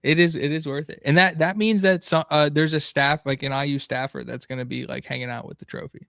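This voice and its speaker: Smooth-voiced man chatting about sports. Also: fairly high pitch, steady tone, a little fast, a bit bright. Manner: chatty, rambling with fillers. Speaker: podcast co-host. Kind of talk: casual sports chat.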